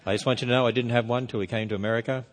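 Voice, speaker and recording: An Australian guest speaker preaches to a church congregation in the sanctuary, talking into a wireless handheld mic in a racing, fairly even mid-range voice. He is folksy and slips in joking asides, and the hall echoes noticeably.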